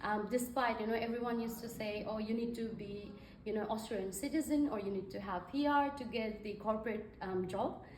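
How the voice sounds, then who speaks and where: In a brisk, fairly high voice with a darkish tone, a young woman from Nepal delivers a conversational guest speech full of fillers. Faint music plays behind her, and the event hall recording is echoey and distant.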